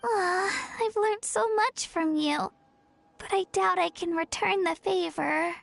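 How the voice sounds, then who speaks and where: A woman's voice: very high voice, slow pace, creaky, a bit bright, exaggerated voice. An actress voicing a cheerful, earnest young girl companion in a game, sweet and encouraging with a little shyness. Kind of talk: game character dialogue. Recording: game dialogue under background music.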